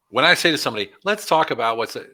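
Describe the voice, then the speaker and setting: A man's voice: mid-range voice, fast talker. A man from Pennsylvania, a business consultant guest, chatting casually in an interview and acting out conversations as he tells stories. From Pennsylvania, USA. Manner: animated storytelling, acts out conversations.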